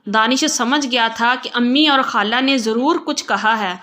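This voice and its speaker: A woman narrating an emotional story in a calm storytelling manner. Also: on the high side.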